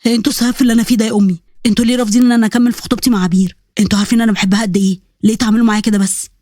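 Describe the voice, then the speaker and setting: A woman's voice: a little high, steady tone, racing, dark tone, no echo, studio quality, close to an everyday voice. A woman voicing a young man in love and pleading, in an Egyptian accent, for a narrated story. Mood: distraught. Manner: pleading, emotional.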